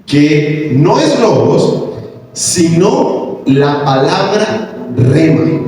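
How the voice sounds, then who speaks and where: A man preaching a sermon as pastor, animated and sometimes shouting to stress a point. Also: a little high, extremely slow, music in the background. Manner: animated preaching, rising to shouts on key lines. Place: large church hall. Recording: echoey hall, picked up from a distance.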